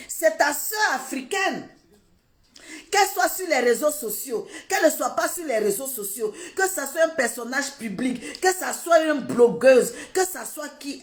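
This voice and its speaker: A woman's voice: sits high, big pitch swings, a little slow, echoey room. A woman giving indignant livestream commentary, repeating rhetorical questions and laughing between them.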